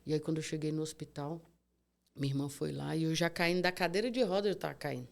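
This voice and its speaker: Female guest, gravelly lower voice, lively storyteller. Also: quick pace. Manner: vivid, animated retelling with acted-out dialogue and sound words. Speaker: guest, cancer survivor. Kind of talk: emotional storytelling in a podcast interview.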